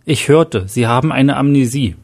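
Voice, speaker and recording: A man's voice: mid-range voice, normal speed, gravelly. A man voicing a polite, hesitant amnesiac man who is timid and later overjoyed.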